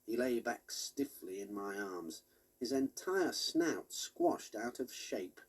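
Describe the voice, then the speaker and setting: A man reading a children's storybook aloud in an expressive, animated way. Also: medium pitch, takes it slowly, breathy edge. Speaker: audiobook narrator.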